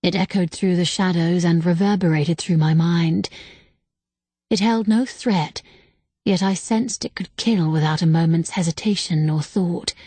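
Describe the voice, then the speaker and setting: Slow, measured woman audiobook narrator. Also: lowish voice, warm tone, husky, dry recording. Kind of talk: first-person audiobook narration.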